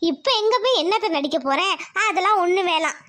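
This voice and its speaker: Woman voicing a chatty cartoon aunt: very high and bright. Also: lively intonation, fairly quick, heavily acted. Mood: teasing. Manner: teasing, talkative. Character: chatty middle-aged village aunt who weaves brooms.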